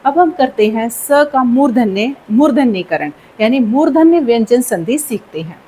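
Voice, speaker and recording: A woman's voice: on the high side, lively intonation, moderate pace, warm tone, slightly rough, rough recording. A woman teaching Hindi grammar in a patient classroom manner, repeating key words and checking in often. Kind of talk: slow, deliberate classroom explanation.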